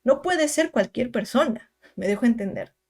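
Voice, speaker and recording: A Peruvian content creator in her twenties speaks directly to her viewers in a casual storytime monologue, her voice slightly high and a little mellow. Animated and emphatic at a moderate pace, she chats freely, adding asides and small tag questions.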